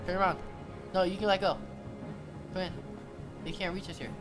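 A young man hosting a co-op game session, excitedly coaching his partner with quick repeated commands. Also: high voice. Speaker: gaming host. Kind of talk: casual co-op gameplay chat. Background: game music.

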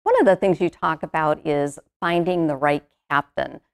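Low-voiced woman hosting a finance show. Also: normal speed, smooth. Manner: enthusiastic, praising. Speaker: TV show host and ad announcer. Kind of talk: upbeat ad read and studio interview.

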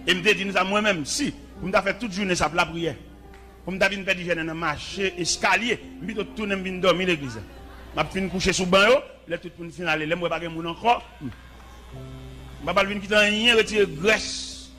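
A man preaches a sermon in a high, bright, ringing voice. His delivery is impassioned, rising into shouts and brief sung phrases. Faint music plays behind him. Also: moderate pace.

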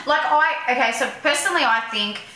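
Bright Australian woman, casual chat. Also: high voice. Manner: agreeable, quick affirmations. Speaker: co-host. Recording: echoey room.

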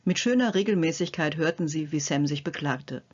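An older woman who works as a psychotherapist and health coach narrates a scripted lesson, speaking directly to the viewer in a friendly, gently playful way. Her voice is low and brisk, and the audio has its highs cut off.

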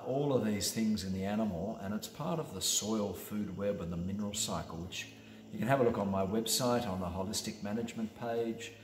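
A middle-aged man with a very low voice presents a wine tasting in a relaxed, chatty way. He rambles happily and fills his pauses with ums and uhs, and his voice bounces around a roomy, echoey space. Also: slight background noise. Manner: rambling, enthusiastic with many fillers. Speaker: winemaker. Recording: echoey room.

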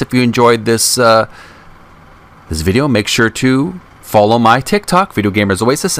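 Background music runs as a man reads a book aloud on his channel, speaking courteously to his audience and sometimes fumbling a word before correcting it. His voice is medium-pitched and a bit bright.

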